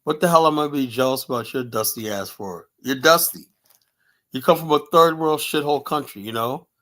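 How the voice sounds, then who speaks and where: Speaking briskly in a mid-range, fairly bright voice, an American man runs a live stream full of argument. His commentary is combative, blunt and profane, and he fills it with many "you know"s.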